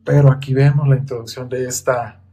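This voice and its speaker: A man's voice: mid-range voice, steady tone, brisk, mellow, muffled recording. A man on a Bible study podcast, explaining scripture in a patient, methodical teaching tone.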